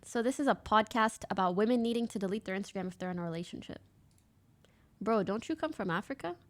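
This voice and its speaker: A woman's voice: mid-range voice, lively intonation, fast. A woman in her twenties from Canada, a streamer chatting bluntly and casually while reacting to clips and reading chat.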